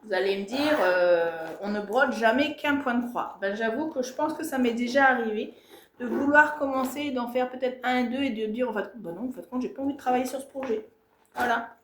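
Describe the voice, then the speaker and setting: A chatty woman with a somewhat high voice shows off her stitching in a casual home vlog. She talks to the camera with lots of fillers and self-mocking asides. The room around her has a noticeable echo. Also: a little fast, a little hiss or hum. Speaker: cross-stitch vlogger. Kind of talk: casual show-and-tell vlog. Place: home, filming herself on a tripod. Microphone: tablet or camera on a tripod.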